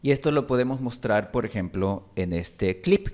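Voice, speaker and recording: A man teaching pronunciation, explaining sounds calmly and repeating example sounds slowly to demonstrate them. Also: fairly low pitch. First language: Spanish. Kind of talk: slow explanatory lesson.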